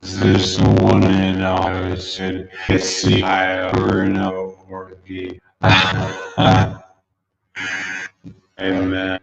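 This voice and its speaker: A man's voice is slowed down and pulled deep by a stream glitch, dragging along in a flat, gravelly crawl with slurred, garbled words. It comes through a dull, lo-fi call line. The sound is roomy and echoey. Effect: slowed down, deepened audio from a stream glitch.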